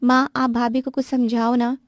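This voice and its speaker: A woman's voice: on the high side, little pitch movement, moderate pace, dry recording, clean studio sound, natural voice. A woman voicing a complaining young sister-in-law who nags and pleads with her mother and brother's wife.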